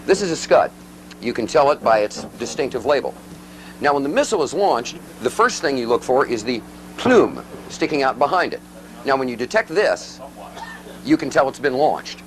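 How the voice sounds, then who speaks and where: Joking man as parody news anchor, animated. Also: medium pitch, moderate pace. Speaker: TV news correspondent. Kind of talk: off-air clowning to camera. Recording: noisy location news feed.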